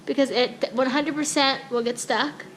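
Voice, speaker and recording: A woman, a mother filming her kids at home, narrating in a playful vlog style with lots of excited, laughing exclamations. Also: sits high, moderate pace, a little hiss or hum. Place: house, indoors.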